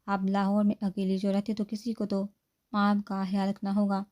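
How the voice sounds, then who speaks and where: A woman's voice: medium pitch, completely flat delivery, a little mellow, lightly acted. Woman reader as confident young male boss, musing, storybook narration.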